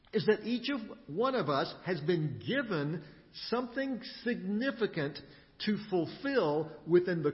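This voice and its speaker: A man preaching a sermon, building his points with rhythmic repetition and dramatic pauses. He sounds like a pastor in a church sanctuary. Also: sits high. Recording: dull sound with long hall reverb.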